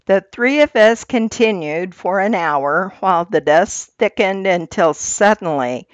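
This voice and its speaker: A woman reading scripted narration in a measured, articulate nature documentary manner. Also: mid-range voice, animated, no echo, dull audio.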